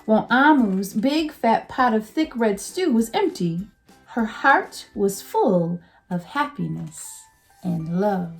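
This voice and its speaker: Slow, expressive woman reading aloud. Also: mid-range voice, vocal fry, soft background music. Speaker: teacher. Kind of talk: children's picture book read-aloud.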